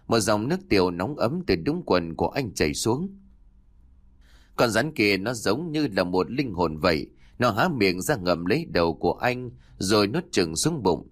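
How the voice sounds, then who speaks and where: A man narrating a horror story for an audiobook with steady, expressive storytelling. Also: on the low side.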